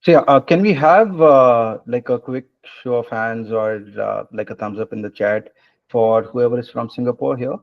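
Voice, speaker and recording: A man's voice: medium pitch, moderate pace, vocal fry. A man hosting a webinar over a video call, speaking casually with many hesitant fillers. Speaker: webinar host. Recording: muffled video-call audio.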